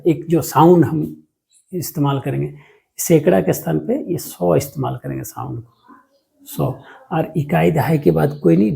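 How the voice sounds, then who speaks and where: Gravelly, mellow-voiced maths teacher. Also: mid-range voice, rough recording. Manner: asks questions and answers them, repeats words often; mixes English words into the explanation. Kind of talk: classroom lesson explanation.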